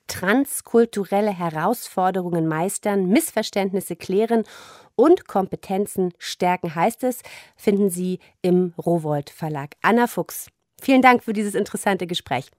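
A woman's voice: medium pitch, darkish tone, no room sound, studio quality. A woman from East Germany hosting a radio program, asking engaged, articulate questions and moderating. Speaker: radio host.

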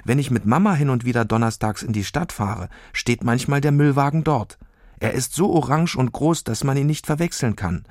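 A man's voice: medium pitch, normal speed, darkish tone, dry recording, studio quality, pitched above the performer's own voice, natural voice. A man reading a children's story aloud, voicing an eager, brave young girl who talks in an urgent, insistent way.

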